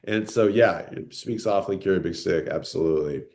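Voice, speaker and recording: A man's voice: deep voice, fairly quick, darkish tone. A man co-hosting a podcast in casual chat, rambling with lots of fillers and "right?" tag questions. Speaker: podcast co-host.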